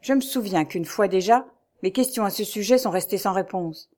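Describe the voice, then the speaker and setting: A woman's voice: medium pitch, normal speed, a little mellow, natural voice. Woman reading as an earnest young knight. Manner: eager, concerned questioning. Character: earnest young male knight, loyal and curious. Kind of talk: audiobook reading.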